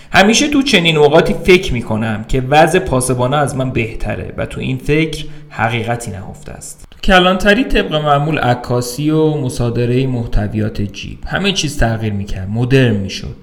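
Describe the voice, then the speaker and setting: Man reading a story, wry and conversational. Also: mid-range voice. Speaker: podcast narrator. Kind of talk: reading a short story aloud.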